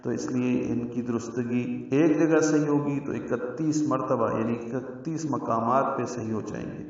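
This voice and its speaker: A man teaching Quran recitation rules step by step, slowly repeating syllables to show how each should sound. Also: mid-range voice, steady tone, darkish tone. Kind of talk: step-by-step tajweed lesson. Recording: very echoey, distant, dull recording.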